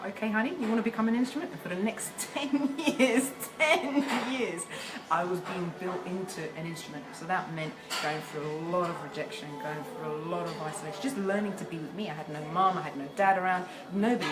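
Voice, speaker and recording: A woman's voice: on the low side, fairly quick, hardly any pauses, music in the background. A woman in her thirties from South America, a relationship facilitator telling her story in an earnest, reflective way. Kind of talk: casual conversation. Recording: echoey room with loud ambient noise.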